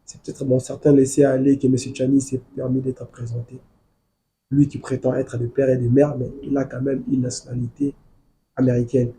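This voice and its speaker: A man's voice: mid-range voice, level tone, a little fast, dark tone, slight background noise. A man from Congo, a legal researcher, lecturing in a studio political debate and insisting on finishing his point. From Democratic Republic of the Congo.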